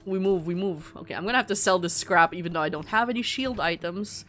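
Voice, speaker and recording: A fast-talking woman with a lowish, fairly bright voice streams a game and chats casually to viewers. She has a middle-class Filipino English accent, is from the Philippines, and keeps interrupting herself in a playful, talkative way as game music plays.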